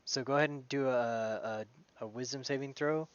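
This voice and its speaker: A man's voice: mid-range voice, moderate pace, clean tone, highs cut off. A man narrating as game master in a tabletop game, casual, swearing now and then, restarting his phrases as he goes.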